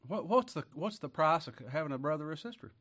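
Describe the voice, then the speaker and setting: A man preaching a sermon, fervent and folksy, swinging between loud declarations and quiet asides. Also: a little high, animated, fast talker. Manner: colloquial rural speech, ain't and them.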